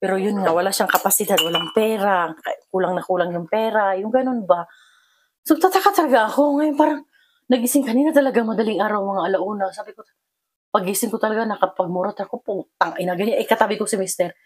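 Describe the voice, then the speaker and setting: A woman's voice: fast talker, breathy edge. Chatty Filipino woman retelling a dream. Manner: animated retelling, acts out her own quoted lines in a higher voice; many fillers and code-switching into English phrases. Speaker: vlogger. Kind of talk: casual storytelling vlog.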